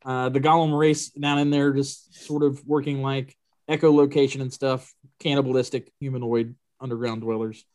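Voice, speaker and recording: A man with a mid-pitched voice co-hosting a movie podcast. He talks casually and pokes fun at himself. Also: flat delivery, normal speed, darkish tone. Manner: self-deprecating, laughs easily. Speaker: podcast co-host. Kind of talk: casual chat.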